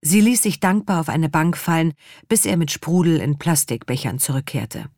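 Low-voiced woman reading an audiobook. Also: expressive, moderate pace, a little mellow, no echo, studio quality. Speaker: narrator. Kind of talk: scripted audiobook narration.

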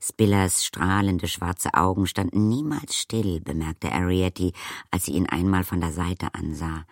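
A man calmly reading a children's storybook aloud as narrator. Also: sits low, a little slow, creaky, dry recording, clean studio sound. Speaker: audiobook narrator.

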